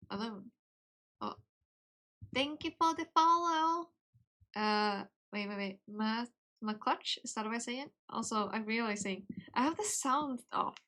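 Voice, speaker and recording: Soft-reading woman streamer with giggly asides. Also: mid-range voice. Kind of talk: reading game text aloud on a live stream.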